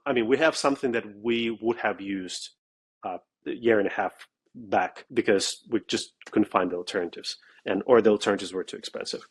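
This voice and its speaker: A man from Russia, a startup founder speaking bluntly and emphatically as an interview guest. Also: on the low side. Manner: blunt and emphatic, with frequent "okay?" asides. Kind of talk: casual interview talk.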